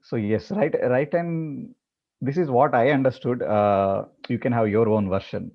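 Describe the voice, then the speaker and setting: A man teaching a meditation class, talking in a halting way with many repeated words and fillers before leading the practice. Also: medium pitch, creaky, lo-fi sound. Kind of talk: talk before guided meditation.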